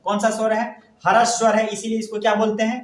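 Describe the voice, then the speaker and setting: A man's voice: high voice, monotone, fast talker. A man from Bihar, India, teaching a classroom grammar lesson, often asking a question and then answering it himself. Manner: repetitive, asks questions and answers them himself. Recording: echoey room.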